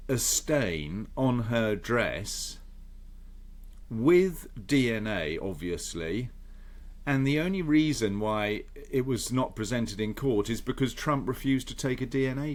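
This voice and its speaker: A man's voice: medium pitch, animated, takes it slowly. A man co-hosting a podcast in casual chat, rambling and hesitant as he hunts for words. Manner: rambling, hesitant, full of ums and restarts. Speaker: podcast co-host.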